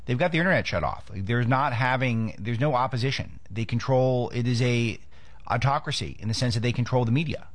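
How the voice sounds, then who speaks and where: A man's voice: medium pitch, a little fast, dry recording. A man from Los Angeles hosting a political commentary show, talking off the cuff with frequent restarts. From Los Angeles, United States.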